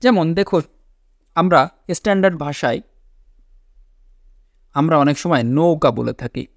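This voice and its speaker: A man's voice: fairly high pitch, expressive, a little slow, dry recording. Man teaching in a dry room. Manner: repeats key words, asks and answers his own questions, frequent "ঠিক আছে?" checks. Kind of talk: classroom lecture.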